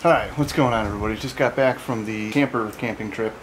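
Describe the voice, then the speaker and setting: A man's voice: on the low side, quick pace, slight background noise, rough recording. A man in his thirties, chatting casually with lots of fillers as he vlogs a camping trip, speaking outdoors into an action camera. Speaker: camping vlogger. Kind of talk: casual vlog narration. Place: outdoors at a lakeside campsite. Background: music.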